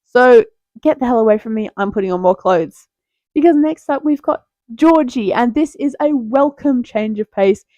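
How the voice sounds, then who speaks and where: A young woman hosting a casual, rambling tier list video, playful and quick to interrupt herself with jokes. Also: on the high side, lively intonation, warm tone, dry recording. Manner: playful, self-interrupting, jokey.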